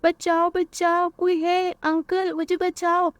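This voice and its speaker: A woman voicing a trusting young boy bird in a cartoon, eager and high-pitched. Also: little pitch movement, slow, no room sound. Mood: scared. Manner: eager, whiny when scared.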